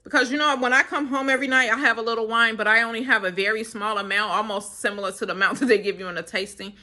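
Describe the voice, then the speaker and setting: A young woman talks casually to her camera in a loose, rambling way. Her voice is bright and forward, and she breaks into quick laughs between thoughts. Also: a little high, steady tone. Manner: chatty, laughs often, rambling. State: slightly winded. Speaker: vlogger. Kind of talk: casual chat.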